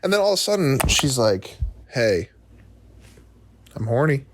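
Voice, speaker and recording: A man's voice: medium pitch, measured pace, noisy background. A man in his twenties from New Jersey, telling a comic story on a podcast and acting out the people in it. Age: 20s. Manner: animated, acts out quoted voices. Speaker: podcast host. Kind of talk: comedic storytelling.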